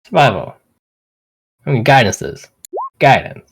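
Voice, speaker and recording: A man playing in a tabletop game, talking casually and rambling with lots of fillers, with a husky voice. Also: mid-range voice, big pitch swings, unhurried, a little hiss or hum. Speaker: player.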